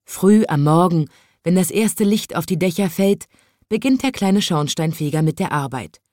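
This is a gentle, even reading of a children's story at normal speed by a woman whose voice is rather low for a woman. The close, dry recording has no room sound.

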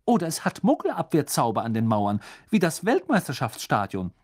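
A man voicing a clever know-it-all schoolgirl who explains things briskly. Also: medium pitch, wildly swooping pitch, a little mellow, breathy edge, voice pushed up. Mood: lecturing. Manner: brisk and lecturing.

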